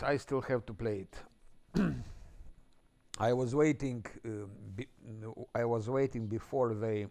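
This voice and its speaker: Slow-talking male streamer chatting casually. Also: mid-range voice, a little mellow. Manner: unhurried, thinking aloud, chuckles often. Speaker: game streamer. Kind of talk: casual live-stream chat while playing.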